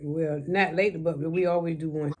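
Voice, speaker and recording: A woman's voice: low-pitched, steady tone, a little mellow, dull audio. A middle-aged woman, bantering casually over food and talking back sassily as she chews. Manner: chewing while talking; sassy, quick to talk back. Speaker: mukbang co-host.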